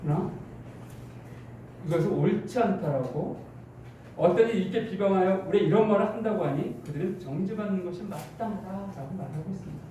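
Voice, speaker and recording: A male pastor delivers a sermon, unpacking a scripture passage and bringing it to life with acted-out illustrations. His voice sits high. It rings through a cavernous, echoing church hall, with faint room noise behind it. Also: fairly quick, warm tone. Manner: preaching with spoken illustrations and quoted dialogue. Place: church sanctuary. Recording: echoey church hall, mic at a distance.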